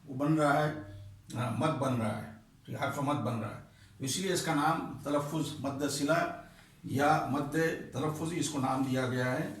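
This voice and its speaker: A male teacher explaining the rules of Quran recitation. He talks patiently, repeats key terms slowly, and stretches vowels when demonstrating examples. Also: medium pitch, very echoey, distant mic.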